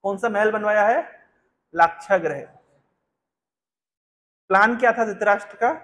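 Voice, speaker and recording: Spiritual teacher, male, high-pitched voice, explains step by step and keeps questioning his listeners. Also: measured pace, a bit bright. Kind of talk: Hindi discourse with chanted Sanskrit verse.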